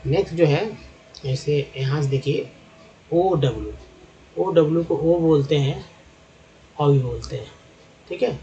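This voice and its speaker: A man teaching phonics, spelling out letter groups and then reading example words aloud in a patient, step-by-step way. His voice sits a little high but has a mellow, warm tone. The recording sounds dull and lo-fi. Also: measured pace, long pauses. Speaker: English teacher. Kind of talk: phonics lesson over slides.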